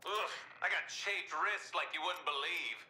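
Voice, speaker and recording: A man's voice: a little high, measured pace, pushed and bright, echoey room, a little hiss or hum, rough recording. A man playing a flamboyant young clown supervillain in a video game, theatrical and mischievous with mock sweetness. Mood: sly, chatty.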